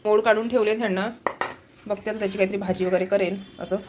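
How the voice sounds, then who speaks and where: A woman's voice: mid-range voice, little pitch movement, fast talker, background noise. Chatty woman vlogging around her home. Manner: chatty, keeps pointing viewers to things. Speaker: family vlogger. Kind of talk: casual home vlog narration. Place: home, indoors.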